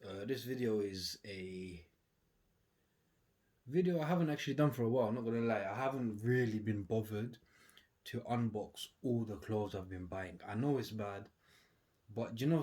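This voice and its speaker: Unboxing clothes at home, this UK vlogger has a cold and keeps sniffling as he chats to camera in a relaxed, slangy way. His voice sits on the low side and sounds a little mellow. It's recorded on a camera on a tripod, with clear background noise.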